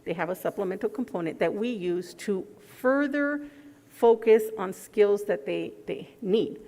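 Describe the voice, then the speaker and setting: A woman's voice: mid-range voice, darkish tone. A woman talking through a face mask, giving a formal presentation and answering questions as a school program presenter. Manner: speaking through a face mask, slightly muffled. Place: large indoor board meeting room. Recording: echoey meeting hall.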